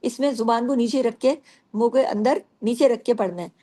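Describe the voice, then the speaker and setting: A woman with a fairly high voice teaches recitation, splitting each word into its syllables and saying them again and again. She asks herself why and answers at once, in the steady way of a patient teacher. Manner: breaks words into syllables and repeats them slowly; asks and answers her own questions. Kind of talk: tajweed lesson explaining pronunciation.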